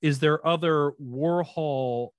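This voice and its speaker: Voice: medium pitch, slow, no room sound. A podcast co-host in casual chat, asking curious follow-up questions.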